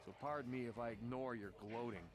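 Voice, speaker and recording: A bitter, sarcastic loser of a duelist from a video game, acted by a man. His mid-pitched voice grumbles in resignation, with music clearly behind it. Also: fairly even intonation, quick pace, close to an everyday voice. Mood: sulky, resigned. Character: bitter, defeated male duelist, sulky and sarcastic.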